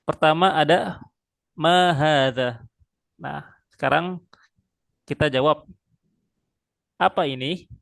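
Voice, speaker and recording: A man's voice: on the high side, gravelly, fairly bright tone, no echo. Man, Arabic tutor, patient drilling, dry close sound. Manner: patient, slow drilling with frequent pious interjections. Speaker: Arabic teacher. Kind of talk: online one-on-one language lesson.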